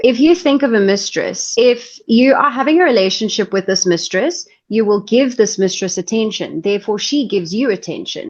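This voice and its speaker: A woman's voice: mid-range voice, a little mellow, lo-fi sound. A woman in a casual group discussion, explaining an idea. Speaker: group member.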